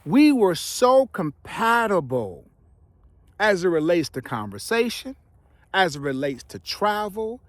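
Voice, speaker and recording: This is a middle-aged man with a high, sing-song voice giving viewers casual and playful advice about relationships. He speaks emphatically, pauses for drama, and sounds slightly impeded by his retainers; there's no room sound.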